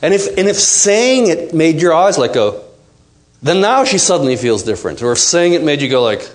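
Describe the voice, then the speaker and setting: A man's voice: on the high side, moderate pace. A man teaching a live seminar to an audience, acting out quotes and asking the room questions. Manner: animated, acts out quotes, asks the audience questions. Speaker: workshop teacher.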